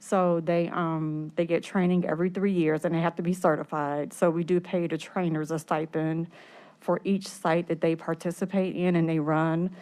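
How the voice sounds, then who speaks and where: Woman presenter, low and clear, speaking through a face mask, slightly breathless, explaining haltingly in a formal meeting. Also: level tone, darkish tone. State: short of breath behind the mask. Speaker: program staff presenter at a committee meeting. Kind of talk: explanatory answers at a public meeting.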